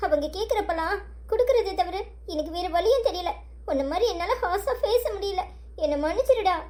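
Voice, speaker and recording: A woman's voice: very high-pitched, animated, brisk, a little mellow. A woman voicing a young wife who pleads and apologizes to her husband in a cartoon story. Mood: pleading.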